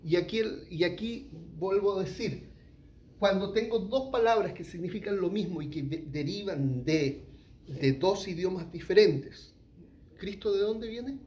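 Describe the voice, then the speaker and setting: A man's voice: high voice, expressive, measured pace, a little mellow, muffled recording. A middle-aged man, teaching a sermon and asking the congregation questions. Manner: asks the congregation questions, frequent "¿ya?". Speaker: pastor.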